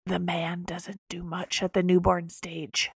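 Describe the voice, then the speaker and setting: Gravelly thirtysomething woman co-hosting a podcast, jokey and animated. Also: fairly low pitch, measured pace. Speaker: podcast co-host. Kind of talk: casual chat.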